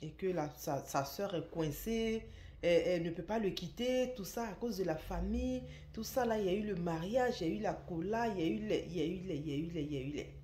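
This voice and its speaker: A woman's voice: fairly low pitch, fairly quick, warm tone, a little hiss or hum. A woman who runs an online shop, telling a story in a casual, emphatic way and repeating words for stress. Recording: echoey room.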